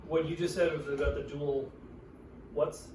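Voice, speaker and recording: A man's voice: on the high side, steady tone, moderate pace. A man co-hosting a podcast in casual chat, asking confused questions about the game and poking fun at himself. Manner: asks confused questions, self-deprecating. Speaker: podcast co-host. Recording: roomy, distant mic with background noise.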